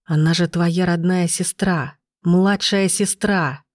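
A woman reading the part of an enraged, powerful man who speaks low and threateningly. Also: moderate pace, a little mellow, dry recording, studio quality, lightly acted. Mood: furious.

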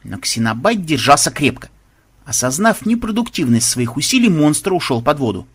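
A man reading an audiobook aloud with expressive, dramatic narration. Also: a little high, normal speed, husky.

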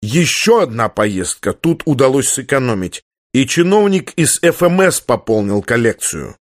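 A man reading a story aloud in a steady, plain narrating voice. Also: medium pitch, moderate pace, no room sound, clean studio sound. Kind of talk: audiobook narration.

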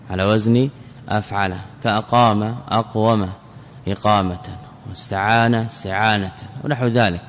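A man's voice: lowish voice, long reverb tail, a little hiss or hum. A man teaching a classical Arabic grammar lesson as a sheikh, methodical, asking and answering his own questions and repeating key words.

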